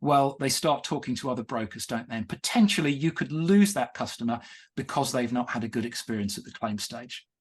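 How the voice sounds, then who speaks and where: A man presenting a business webinar, explaining things in a measured way and speaking straight to his listeners. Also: mid-range voice, breathy edge. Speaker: insurance broker relations director presenting a webinar.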